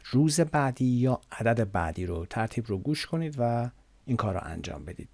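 A man teaching English to learners, explaining slowly and clearly and drawing out each English word so it can be repeated. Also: medium pitch, big pitch swings, a little mellow, no echo. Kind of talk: recorded online lesson.

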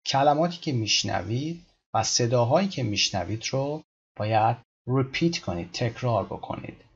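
A man teaching English pronunciation, patiently repeating words slowly to demonstrate. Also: medium pitch, lively intonation, highs cut off, slight background noise. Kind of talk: explaining pronunciation in a lesson.

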